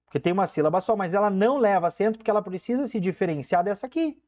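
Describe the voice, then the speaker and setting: Lively male teacher. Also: high voice. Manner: explains step by step, keeps checking in with "tá?"; drawn-out emphasis on key terms. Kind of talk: online lesson. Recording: dull lo-fi recording.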